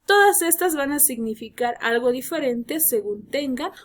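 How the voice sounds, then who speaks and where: A woman's voice: high voice, expressive, normal speed. A woman teacher, giving a recorded grammar lesson, explaining patiently, repeating key points and speaking to her students with rhetorical questions.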